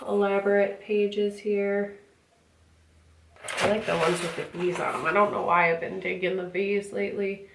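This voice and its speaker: A woman's voice: medium pitch, flat delivery, moderate pace. An American woman with a wheezy, congested, out-of-breath voice chats casually as she hosts an unboxing review. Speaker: host of an unboxing channel. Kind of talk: casual chat, product review. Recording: roomy echo, clear background noise.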